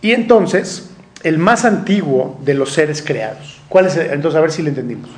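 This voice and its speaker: A man's voice: fairly high pitch, lively intonation, normal speed, a little mellow. A male teacher giving a classroom lecture, explaining step by step and checking in with the class through frequent rhetorical questions. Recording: roomy classroom echo.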